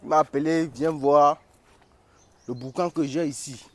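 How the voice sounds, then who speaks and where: A car vlogger with a Cameroonian accent drives while giving a casual review, chatting, joking, and showing features as he goes. His voice is fairly high, steady in tone, and a little slow.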